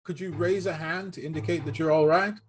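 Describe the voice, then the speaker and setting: A man's voice: a little high, fairly even intonation, fairly quick, music in the background. Hesitant man playing a tabletop game. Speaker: player. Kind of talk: casual tabletop game play.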